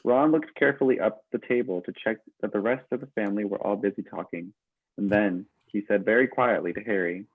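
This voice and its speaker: A man narrating a storybook in a steady, even read-aloud. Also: lowish voice, brisk, breathy edge, dry recording, narrow, tinny audio.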